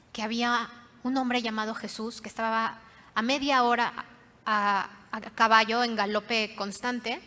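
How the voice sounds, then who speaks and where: A woman pastor preaching a sermon, telling the story dramatically and often dropping to soft, hushed tones. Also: fairly high pitch. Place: church hall. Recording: reverberant church hall.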